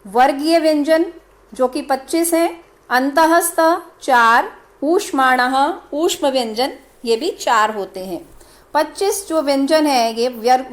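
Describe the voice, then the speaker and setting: Female teacher, high voice, unhurried and careful, walks through each letter in turn. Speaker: Sanskrit teacher. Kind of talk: slow step-by-step grammar lesson.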